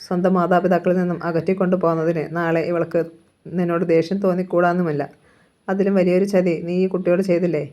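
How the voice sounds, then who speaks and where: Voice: mid-range voice, little pitch movement, fast talker, a little mellow, close to an everyday voice. A storyteller reading aloud, voicing a stern, resentful middle-aged father who lectures in a Kerala Malayalam accent. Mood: reproachful. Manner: reproachful, lecturing.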